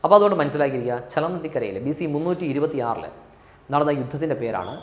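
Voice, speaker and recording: A male teacher with a Malayali accent delivers an exam coaching lecture, slowly repeating key answers so students can drill them. His voice sits on the high side and is expressive, and the room sounds echoey.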